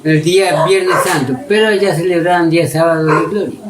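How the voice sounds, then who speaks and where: A man telling stories from his own life in a lively, casual way, acting out his own shouts. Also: on the high side, fairly quick. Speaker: storyteller interviewee. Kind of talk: casual oral-history storytelling. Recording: distant mic with loud noise and dogs barking.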